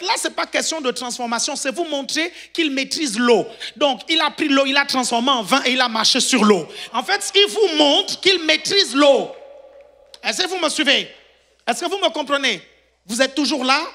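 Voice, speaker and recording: A man preaching an animated, joking sermon, keeps checking that the congregation is following him. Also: extremely high pitch, normal speed. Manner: animated, jokes, sudden shouts. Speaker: pastor.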